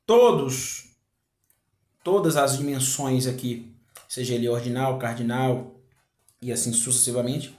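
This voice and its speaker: A man teaching a grammar lesson, explaining slowly, repeating words and asking rhetorical questions. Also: mid-range voice. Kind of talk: grammar lecture. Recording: echoey room.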